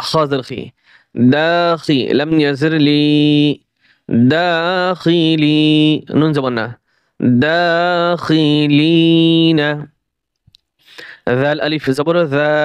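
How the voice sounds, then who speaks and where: Male recitation teacher, slightly high, very dry close sound, slow syllable-by-syllable lesson delivery. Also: steady tone, clear, resonant tone, no echo. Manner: spells syllables aloud, then stretches whole words slowly. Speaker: Quran reading teacher.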